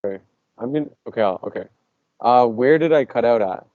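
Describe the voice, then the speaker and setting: A man's voice: mid-range voice, lively intonation, fairly quick, no room sound. A man speaks over a video call with a bad connection, his words dropping out mid-sentence. The audio is dull and lo-fi with no room sound at all. He talks hesitantly, stumbling through fillers as he checks whether anyone can hear him. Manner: hesitant, many fillers and restarts. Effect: bad connection, audio cutting out.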